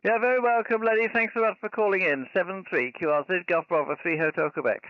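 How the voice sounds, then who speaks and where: This man's voice sits high and moves fast as he makes live ham radio contacts at a convention special event station. His talk is courteous and by the book, built around call signs and signal reports. The sound is somewhat muffled and dull.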